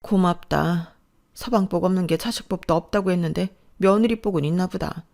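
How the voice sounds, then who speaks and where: A woman's voice: lowish voice, normal speed, gravelly, a little mellow. Woman reading as a bitter middle-aged mother-in-law, sorrowful, complaining, storybook drama. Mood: lamenting.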